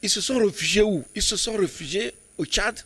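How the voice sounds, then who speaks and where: A man's voice: sits high, lively intonation, moderate pace, a bit bright, slightly rough. A man on a studio political panel who jumps in and argues with pointed rhetorical questions. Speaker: debate panelist.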